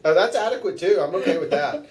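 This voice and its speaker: A man's voice: a little high, animated, fast. A man hosting a casual podcast, rambling and joking at his own expense. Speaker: podcast host. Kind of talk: casual chat. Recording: distant from the mic.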